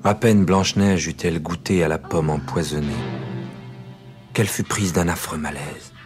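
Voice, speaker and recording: Man, low voice, storybook narration, expressive, faint music. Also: moderate pace.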